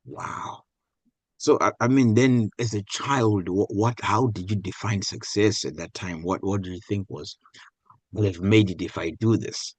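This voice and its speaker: Low-voiced male podcast host, dry. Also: measured pace, no echo. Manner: friendly, casual, with stammered starts. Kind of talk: interview host.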